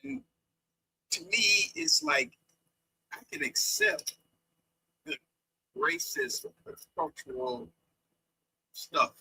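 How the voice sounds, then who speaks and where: A man talking in a halting way with many fillers as a guest on a call-in stream, his audio muffled and scratchy from a phone connection. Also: extremely high pitch, wildly swooping pitch, vocal fry, sharp tone. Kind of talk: casual debate chat.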